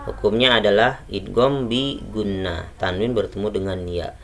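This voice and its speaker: A man teaching Quran recitation rules in a patient, unhurried way, correcting common mistakes. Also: fairly low pitch, steady tone, gravelly. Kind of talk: tajwid lesson with recited examples.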